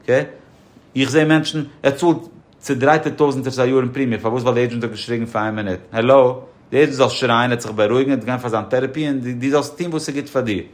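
A man's voice: mid-range voice, steady tone, quick pace. A man as a podcast guest giving insurance advice, emphatic and explaining through examples. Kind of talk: casual podcast conversation.

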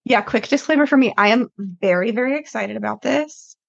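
Hoarse, gravelly-voiced woman with a cold. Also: brisk, muffled recording. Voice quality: raspy, deep and gravelly. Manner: self-deprecating, laughing. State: hoarse from a respiratory illness. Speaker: podcast guest, lawyer. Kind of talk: casual chat.

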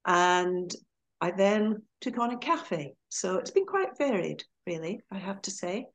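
A middle-aged Scottish woman with an Aberdeen accent is a guest on a podcast, chatting casually in an interview and laughing easily. She speaks at a measured pace in a mid-range, expressive voice.

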